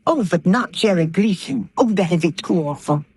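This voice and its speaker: An actress playing an elegant, anxious young society woman in a 1930s radio drama, breathy and expressive. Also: on the low side, normal speed, no echo. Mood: worried.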